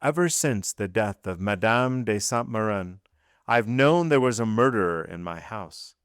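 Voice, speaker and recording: A man's voice: lowish voice, lively intonation, measured pace, smooth, no room sound, clean studio sound. A man doing a cold, commanding magistrate. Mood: accusing. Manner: blunt, commanding. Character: cold, stern magistrate husband.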